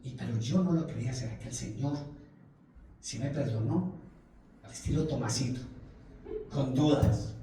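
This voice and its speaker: A man's voice: medium pitch, normal speed, long pauses, warm tone, a little hiss or hum. Man, preacher, emotional testimony, repeats himself, heavy room echo. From Colombia. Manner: emotional, repeats phrases for emphasis. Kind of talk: Bible study testimony sermon. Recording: very echoey room, mic far off.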